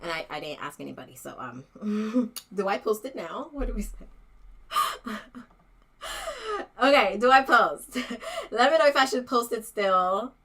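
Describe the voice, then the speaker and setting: A woman in her thirties chats with viewers during a casual livestream. Her voice sits in a middle register with a bright, forward edge. She is playful and gossipy and laughs freely as she goes. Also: mid-range voice, lively intonation, normal speed. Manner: chatty and playful, laughs often. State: out of breath from running up stairs. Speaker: natural hair vlogger hosting a livestream.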